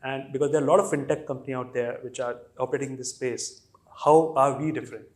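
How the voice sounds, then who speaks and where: A man hosting a podcast who asks his guests questions haltingly, with many fillers. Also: medium pitch, fairly even intonation. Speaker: podcast host. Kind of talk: interview questions.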